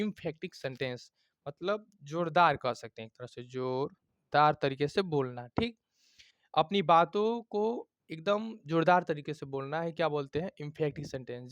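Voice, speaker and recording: Man, grammar teacher, classroom lesson, keeps checking in, higher voice, dry sound. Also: fairly bright tone, clear, resonant tone, dry recording, highs cut off. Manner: repeats "ठीक" as a check-in, explains with everyday examples.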